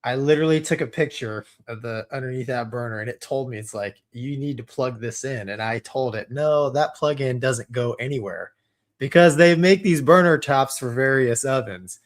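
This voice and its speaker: A man co-hosting a casual chat show, loose and animated, laughing often. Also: mid-range voice, moderate pace. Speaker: co-host.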